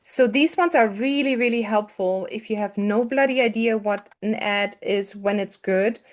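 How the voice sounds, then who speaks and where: A woman's voice: medium pitch, moderate pace. A woman coaching students through an online marketing lesson, talking casually with frequent fillers and restarts.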